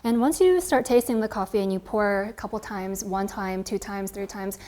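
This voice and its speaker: This woman, a coffee content creator and barista in her twenties from California, talks through her own story to camera in a chatty, thoughtful, casual way. Her American-accented voice is medium in pitch and mellow, at a normal speed.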